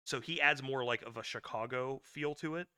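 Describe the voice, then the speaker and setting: Male co-host, very bright tone, dry close mic, stop-start explainer. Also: mid-range voice, clean tone, no room sound. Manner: halting, many restarts and fillers while explaining. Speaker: podcast co-host. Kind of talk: casual pop-culture chat.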